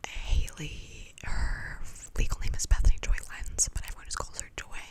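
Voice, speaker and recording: A woman doing a fast whispered ASMR ramble in a breathy, clicky whisper, casual and slangy, wandering from thought to thought. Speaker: ASMR video creator.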